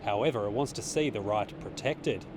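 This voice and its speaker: Man, Australian accent, news reporter voice-over, steady formal read. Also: lowish voice, normal speed, noisy background.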